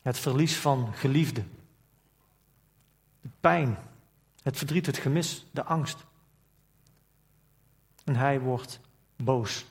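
A man's voice: medium pitch, takes it slowly, creaky, long pauses. A man preaching a sermon, asking reflective questions and reading scripture aloud in old formal wording. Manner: reflective, asks rhetorical questions.

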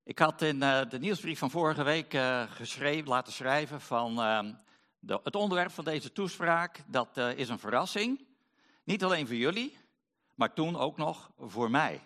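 A middle-aged man gives a sermon to his congregation. He speaks haltingly, filling his pauses with hesitations, and his pitch rises and falls in a lively way. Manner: hesitant, many pauses and fillers. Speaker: preacher.

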